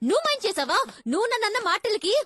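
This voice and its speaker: An actress in her twenties playing a fiery, insulted young woman, scolding fast with a Telugu accent. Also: very high-pitched, big pitch swings, sharp tone, full character voice. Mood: furious. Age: 20s. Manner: angry, scolding, rapid. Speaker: film heroine.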